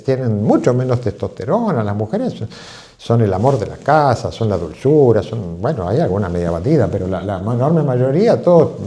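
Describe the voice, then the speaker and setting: A man with a Uruguayan accent, a physician giving a televised health talk, who keeps asking rhetorical questions and tells lively stories. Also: mid-range voice. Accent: Uruguayan Spanish.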